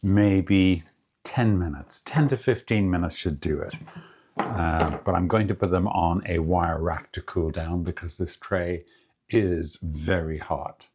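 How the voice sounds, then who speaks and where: In his home kitchen, a man demonstrates a recipe casually, speaking in a deep, husky voice. Unhurried and chatty, this relaxed cooking host relishes every bite aloud while tasting.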